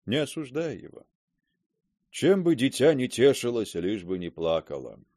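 A man playing an elderly, gentle, wise archpriest in a radio play, speaking calmly and indulgently. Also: mid-range voice, measured pace, no echo, studio quality. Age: older.

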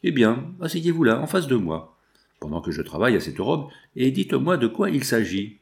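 Un homme lisant à voix haute et prêtant sa voix à une jeune couturière orpheline, douce et triste. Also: male voice, mid-range voice, very animated, normal speed, gravelly. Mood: doux.

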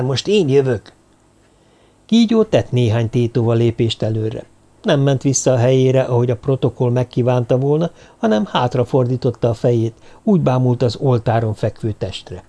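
A male audiobook narrator reads in a dark, mellow voice at mid-range pitch. His scripted storytelling is steady, measured and even.

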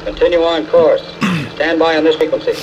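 An actor playing a harbor radio operator answering a boat over marine radio with short, businesslike replies. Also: male voice, on the high side, fairly even intonation, unhurried, background noise. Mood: brisk. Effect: marine radio transmission. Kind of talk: 1940s film dialogue. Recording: dull lo-fi old film radio audio.

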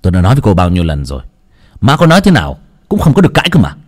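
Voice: sits low, very animated, moderate pace, darkish tone, slightly rough, exaggerated voice. A storyteller voicing a short-tempered young husband who barks curt orders. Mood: harsh.

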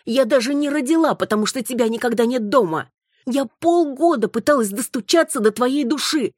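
A woman voicing a jealous, hysterical young wife who scolds her husband, shrill and close to tears. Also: normal speed, slightly rough, no echo. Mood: reproachful. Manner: shrill, accusing, near tears.

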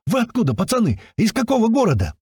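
A man voicing a boisterous man in his thirties who yells with joy. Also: on the high side, wildly swooping pitch, brisk, breathy edge, no room sound, studio quality, voice pushed up, full character voice. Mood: overjoyed yelling. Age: 30s. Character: boisterous young man from Saint Petersburg.

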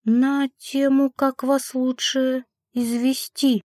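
A woman's voice: high-pitched, fairly even intonation, normal speed, a little mellow, dry recording, studio quality, pitched above the performer's own voice. A woman voicing a timid winged servant woman who stammers and babbles nervously in an audiobook.

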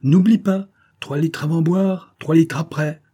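A man's voice: medium pitch, normal speed, dark tone, breathy edge, close to an everyday voice. A man voicing a cunning male rogue disguised as a valet, giving orders in a bossy tone in an audiobook reading. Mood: brash. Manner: bossy, commanding tone toward servants.

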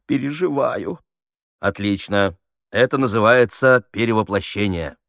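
A man's voice: lowish voice, unhurried, creaky, fairly bright tone, no echo, clean studio sound, pitched above the performer's own voice. A man reading aloud, voicing a pompous army officer who barks orders while directing amateur actors. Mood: commanding. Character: bossy fussy male army officer directing a play.

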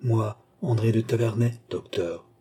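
A man voicing a sad, anxious young noblewoman, speaking softly, in an audiobook. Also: on the low side, fairly even intonation, a little slow, husky. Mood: sorrowful. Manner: soft, sorrowful.

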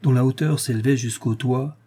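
A man reading a classic novel aloud as an audiobook narrator, in a measured storytelling manner. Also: medium pitch, fairly even intonation, mellow, husky.

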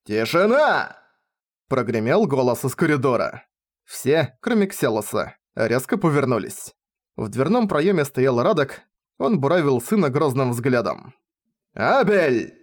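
Guy reading a fantasy story out loud, lively first-person telling, middle pitch. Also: moderate pace. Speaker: narrator. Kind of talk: audiobook reading.

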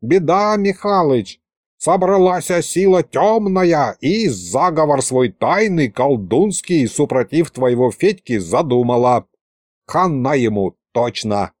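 A high, squeaky old wizard, as a male storyteller puts him on, chattering in a rambling folksy way and taking offence easily. His voice leaps up and down in a dry, close storybook reading. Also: big pitch swings, unhurried, a little mellow, dry recording. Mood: alarmed chatter. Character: excitable ancient male wizard, chattering and touchy.

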